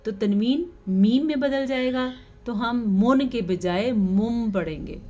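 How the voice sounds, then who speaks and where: A woman's voice: a little high, lively intonation, warm tone, muffled recording. Woman teaching Quran recitation in Urdu. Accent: Pakistani Urdu. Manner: patient step-by-step instruction, slow drawn-out recited words. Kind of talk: explaining and modeling recitation.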